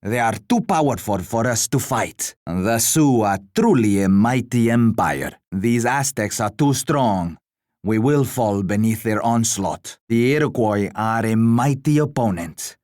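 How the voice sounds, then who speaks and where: A pompous royal commander from a strategy video game. His voice sits fairly low and is recorded dry and close. He delivers each line formally and theatrically, like a genteel, scheming ruler. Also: expressive, a little slow, a little mellow, dry recording. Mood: regretful. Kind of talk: scripted strategy game voice lines.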